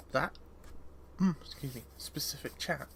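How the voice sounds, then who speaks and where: A woman's voice: low-pitched, slow, creaky, slight background noise. A sleepy woman, chatting loosely and giggling often as she streams a game. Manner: giggly, rambling, often breaks into laughter. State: sleepy, yawning. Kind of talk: casual live-stream chat.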